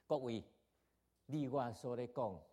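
A man's voice: medium pitch, a little slow, mellow. A man from Taiwan with a Taiwanese accent, preaching a sermon and reading scripture aloud, earnest and emphatic, his emphasis rising and falling as he teaches. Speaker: pastor.

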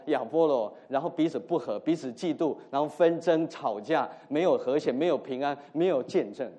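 A man preaching a sermon as a pastor, swinging from loud emphasis to soft asides and dropping English words into his teaching. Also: medium pitch.

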